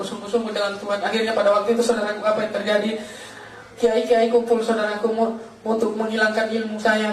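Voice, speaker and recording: Guy preaching his testimony fast and fervent, keeps calling the crowd brothers, sounds far off in a roomy church. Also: very high-pitched, slight background noise. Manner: fervent storytelling, repeatedly addresses listeners as brothers. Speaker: pastor giving a testimony. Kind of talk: testimony sermon. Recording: echoey hall, voice from a distance.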